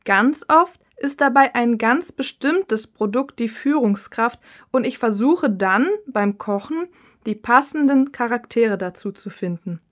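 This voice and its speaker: Speaking as a cookbook author, a woman takes interview questions in a scripted recording made for a listening test. Her pitch is slightly high, and she delivers her lines in a measured, calm way.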